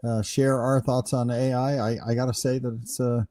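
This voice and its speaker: A man's voice: mid-range voice, flat delivery, brisk, warm tone. A man from Denmark co-hosting a podcast in casual chat, rambling with many restarts and "right?" asides. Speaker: podcast co-host.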